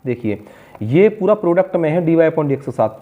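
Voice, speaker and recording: Male maths tutor, fairly high voice, patient and coaxing, phone-quality sound. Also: sing-song, brisk, dark tone. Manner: patient, coaxing, calls students "beta" and "bachche". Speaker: maths teacher. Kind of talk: board-exam maths lesson. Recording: tinny phone-like lo-fi audio.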